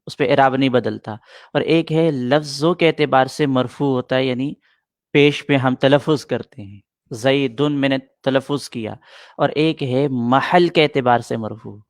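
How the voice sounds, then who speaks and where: A man's voice: medium pitch, dry recording, studio quality. A middle-aged man teaching an Arabic grammar lesson in a patient way, repeating points and answering students' questions.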